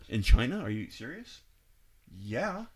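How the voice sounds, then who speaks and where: A man's voice: mid-range voice, very animated, slow pace, husky. A man chatting casually and jokingly as he comments on game clips.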